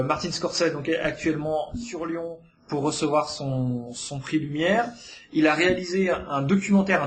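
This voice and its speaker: A man hosting a library podcast, recommending films in a casual, hesitant way with many fillers and restarts. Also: fairly high pitch.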